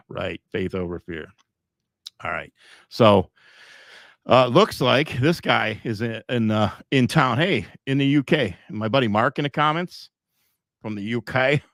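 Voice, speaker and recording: A man's voice: mid-range voice, animated, measured pace, gravelly, long pauses, a bit bright, dry recording, studio quality. A middle-aged man hosting a live podcast, talking in a rambling, emphatic way with frequent chuckles. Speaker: podcast host.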